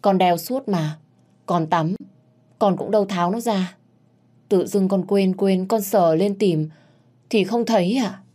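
A woman's voice: medium pitch, a little slow, long pauses, dark tone, close to an everyday voice. A woman voicing a frightened young maid who stammers and pleads in a timid voice. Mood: defensive.

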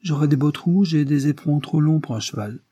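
A man's voice: on the high side, a little fast, mellow, husky, dry recording, voice pushed up. A man voicing an impulsive, exuberant young man eager to travel. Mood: jovial. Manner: exuberant, insistent.

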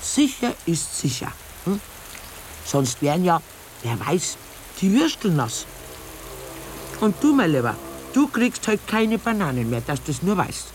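An actress playing a brisk, scolding old grandmother in a radio drama. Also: fairly low pitch, very animated, slight background noise. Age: older. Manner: scolding, bossy, dialect-tinged.

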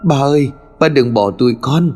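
A man's voice: mid-range voice, expressive, normal speed, a little mellow, big-room sound, faint music behind, pitched above the performer's own voice, natural voice. A man voicing a panicked young woman crying over her father. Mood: distraught. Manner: sobbing, pleading.

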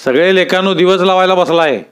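A man voicing a stern older village landlord who talks gruffly and scolds. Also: high-pitched, brisk, voice pushed up, natural voice. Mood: angry scolding.

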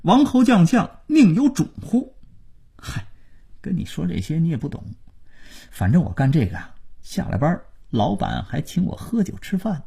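Proud young cleaner, read by a man: wry, offhand, raspy. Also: a little high, very animated, moderate pace, mellow, pitched above the performer's own voice, heavily acted.

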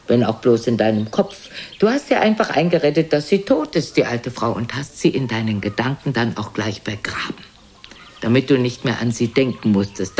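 In a German radio play, an older woman voices a frail, sharp-tongued old mother who reproaches others, scolding theatrically and slipping into whispers. Her voice is a rumbling low, husky, exaggerated sound, bitter and mocking in mood. It comes from a noisy older radio recording.

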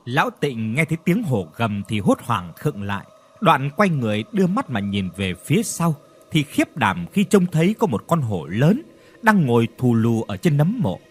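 A man narrating a ghost story in an expressive, dramatic storytelling manner. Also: mid-range voice, normal speed, breathy edge.

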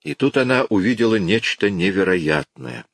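A man with a very deep, low voice narrates an audiobook. His reading is measured and dramatic. The recording is dry and close. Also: lively intonation, gravelly, no echo. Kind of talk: scripted narration.

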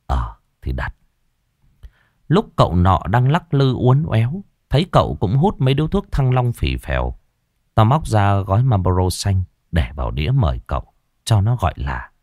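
Deep-voiced gruff Southern Vietnamese storyteller. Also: male voice, big pitch swings, moderate pace, darkish tone, dry recording, studio quality. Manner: gruff, blunt, curses casually. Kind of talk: first-person ghost story narration.

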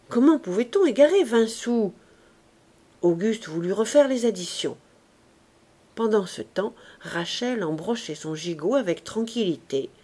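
A woman narrating a classic novel as an audiobook reader, clear and expressive. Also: mid-range voice. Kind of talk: scripted narration.

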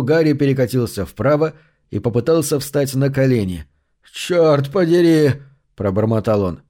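A man narrating an audiobook in the first person, in a measured, even storytelling manner. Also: medium pitch.

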